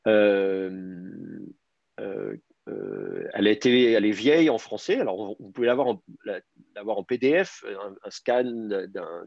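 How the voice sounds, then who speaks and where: Lively-voiced teacher on a dull call line. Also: male voice, fairly low pitch, gravelly, no echo. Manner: explains step by step, thinking aloud with many "euh". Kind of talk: online Hebrew grammar class.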